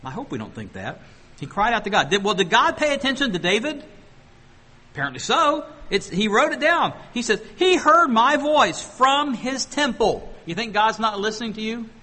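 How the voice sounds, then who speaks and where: A man preaching a sermon, asking the congregation questions and slowing down to read scripture aloud. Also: sits high, sing-song, bright, forceful tone. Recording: long hall reverb.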